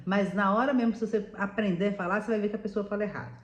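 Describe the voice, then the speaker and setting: Woman vlogger, mid pitch, talkative advice-giver, roomy sound. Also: fairly even intonation, racing, lo-fi sound. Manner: chatty, addresses viewer as "meu amor", many "né?" tags. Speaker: vlogger living abroad. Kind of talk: casual advice vlog. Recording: echoey room.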